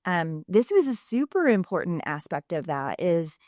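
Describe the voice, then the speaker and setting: A woman in her forties, a podcast guest, talking casually and laughing often between quick asides. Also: lowish voice, sing-song, a little mellow, no echo, clean studio sound.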